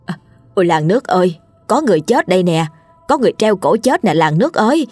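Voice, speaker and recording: A woman's voice: on the low side, very animated, fast, breathy edge, dry recording, faint music behind. A woman voicing a village woman who frantically cries out an alarm. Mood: frantic. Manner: frantic shouting.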